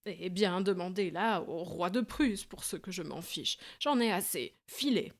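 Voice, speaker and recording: A fed-up male goose dealer in a storybook reading bellows and blusters at full volume. A woman narrator acts him out, with her voice pushed loud and hard. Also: lowish voice, expressive, unhurried. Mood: furious. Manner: shouting, blustering.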